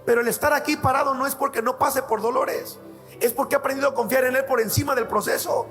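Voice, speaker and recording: A pastor with a notably high voice preaches, weaving his own stories into the sermon in an earnest, heartfelt way. Soft music plays faintly behind him. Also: fairly even intonation, fast. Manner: earnest storytelling, addresses listeners as "amado". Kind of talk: sermon with personal testimony.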